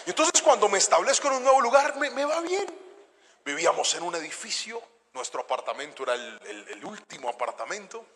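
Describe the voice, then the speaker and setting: A middle-aged male preacher giving a sermon, moving from hushed storytelling to loud exhortation. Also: high voice. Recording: long hall reverb.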